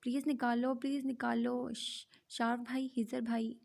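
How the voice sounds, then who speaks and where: A woman's voice: a little high, little pitch movement, creaky, a little mellow. A woman reading as a terrified young wife begging. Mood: pleading. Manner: begging, desperate.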